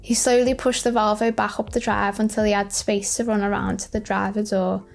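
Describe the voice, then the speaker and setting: A woman's voice: medium pitch, little pitch movement, brisk, gravelly. Woman narrating over faint music. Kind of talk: scripted light-news clip narration.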